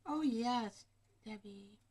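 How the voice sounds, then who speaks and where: Speaking slowly in a high, warm voice with a breathy edge, a woman hosts a casual craft livestream. She rambles and chats with her viewers, often calling them by name. A camera microphone picks her up.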